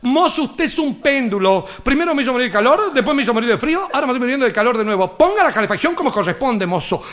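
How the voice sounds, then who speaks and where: A woman's voice: very animated, very fast. A man voicing a fussy, demanding old lady who complains to a waiter. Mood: exasperated. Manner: shrill complaining, bossy.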